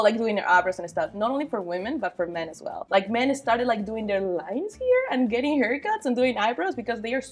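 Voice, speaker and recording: A young woman from Peru giving quick, animated opinions in a casual group discussion. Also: medium pitch. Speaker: panelist.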